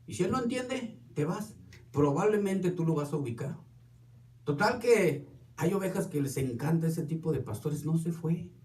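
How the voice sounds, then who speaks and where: High-voiced pastor preaching in an echoey hall. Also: male voice, animated, normal speed, a little mellow. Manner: storytelling with quoted dialogue. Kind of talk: sermon. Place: church hall. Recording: echoey hall, distant mic.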